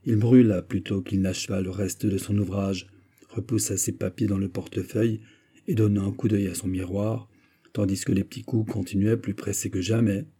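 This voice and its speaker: A man reading a classic novel aloud in measured, literary narration. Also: lowish voice, little pitch movement, warm tone, breathy edge. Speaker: audiobook reader.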